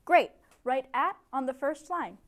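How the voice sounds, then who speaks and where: A young woman with a high voice leads a small-group English lesson in a classroom, giving clear, encouraging instructions. She is picked up by a camera set some way off. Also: lively intonation, measured pace. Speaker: ESL tutor.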